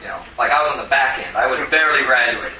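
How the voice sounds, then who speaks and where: A man's voice: medium pitch, quick pace. A man in his forties from Arizona who tells his recovery story in a rambling, self-mocking way, often chuckling. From Tucson, Arizona, USA. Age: 40s. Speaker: recovery meeting speaker. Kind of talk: personal recovery testimony. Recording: roomy, distant mic, faint hiss.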